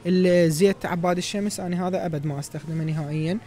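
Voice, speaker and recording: A young man in his twenties with an Iraqi Arabic accent, giving chatty, lively tour-guide commentary as a vlogger in a large indoor supermarket, recorded on a handheld phone. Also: high-pitched, rapid-fire, a little hiss or hum. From Iraq. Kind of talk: casual walk-through vlog.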